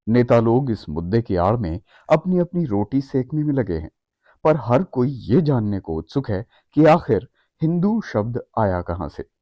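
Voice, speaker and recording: A man narrating a scripted history explainer in a measured, steady read-aloud manner. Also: mid-range voice, no room sound. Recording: dry, slightly dull studio voice-over.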